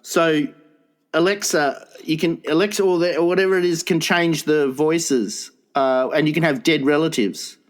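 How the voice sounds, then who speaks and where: A man's voice: a little high, moderate pace. A man hosting a comedy podcast, talking in a crude, rambling way and laughing often. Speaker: podcast host. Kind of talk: casual comedy chat.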